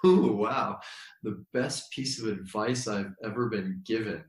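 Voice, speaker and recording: A man who is a yoga teacher and guest, telling stories in a thoughtful, unhurried way with many pauses. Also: fairly low pitch. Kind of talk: relaxed storytelling in conversation. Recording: roomy echo.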